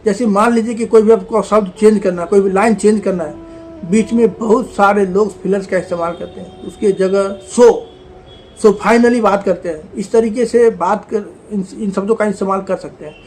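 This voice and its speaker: A man's voice: sits high, fairly even intonation, fairly quick, a little mellow, a little hiss or hum. A man giving a motivational lesson on communication, talking emphatically, repeating his points and calling his viewers friends. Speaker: communication skills coach.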